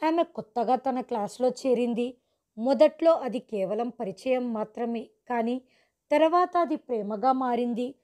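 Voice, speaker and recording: High-voiced woman narrating a story. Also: measured pace. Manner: steady, dramatic storytelling.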